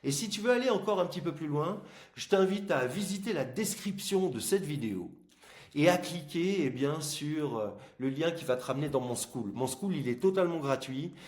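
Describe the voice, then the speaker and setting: A man's voice: a little high, animated, moderate pace. A man hosting a casual explanatory marketing video, speaking informally and emphatically to the viewer, with articulation slightly impeded by plastic dental aligners. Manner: informal, emphatic, addresses the viewer directly with examples. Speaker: host of an online marketing channel. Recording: echoey room.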